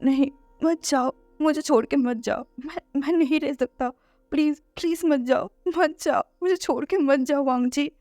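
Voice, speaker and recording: A woman's voice: high voice, moderate pace, darkish tone, no room sound, faint music behind, pitched above the performer's own voice. A woman voicing a grief-stricken young man who cries and begs his love not to leave. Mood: sobbing, pleading. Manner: desperate, begging. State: crying.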